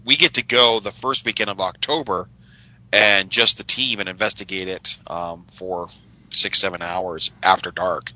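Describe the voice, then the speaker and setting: A chatty man with a very bright, forward tone. He talks excitedly on a casual podcast. The dry, close sound puts his voice right up front. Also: sits low, normal speed, no room sound, low-quality recording. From Utah. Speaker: paranormal investigator, co-host.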